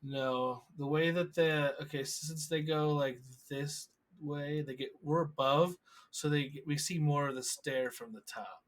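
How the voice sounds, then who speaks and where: A man's voice: on the high side, fairly even intonation, a little slow. A man running a tabletop game as game master, describing scenes in a loose, stop-start way with fillers.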